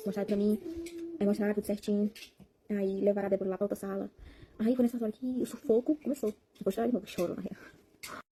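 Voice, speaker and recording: Over a faint hiss or hum, a mellow, medium-pitched voice belongs to a young Brazilian vlogger telling her viewers a personal testimony. Her Brazilian Portuguese-accented delivery is emotional and meandering, with repeated words and direct appeals to the audience.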